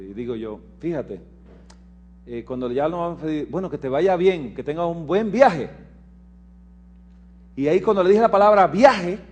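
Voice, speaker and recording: Animated man preaching a lesson. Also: high-pitched. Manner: animated storyteller who acts out dialogue and swings from hushed asides to loud emphasis. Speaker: health lecturer at a Bible prophecy school. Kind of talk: preached lecture with personal stories.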